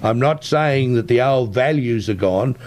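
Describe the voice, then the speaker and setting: An Australian man is being interviewed and explains his views at a medium pitch. He is emphatic and insistent, pressing his points persuasively and tagging sentences with a checking "right?". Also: unhurried, a little mellow. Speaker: interview guest, tech entrepreneur.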